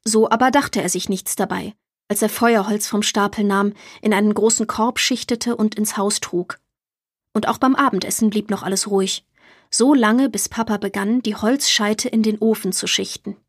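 A woman narrating a children's storybook in a calm, clear storytelling manner. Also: medium pitch, normal speed, no room sound, studio quality. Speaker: audiobook reader.

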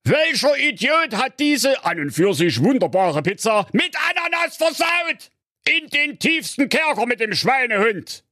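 A man's voice: very high-pitched, big pitch swings, a little slow, bright, forceful tone, dry recording, studio quality, pitched above the performer's own voice, full character voice. Man putting on a blustering choleric king. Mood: raging. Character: portly choleric old king.

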